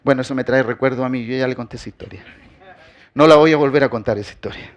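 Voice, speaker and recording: A pastor delivers a sermon at medium pitch and a quick pace, stacking up rhetorical questions and emphatic repetition to drive his points home. He often lets his voice fall quiet as a phrase ends.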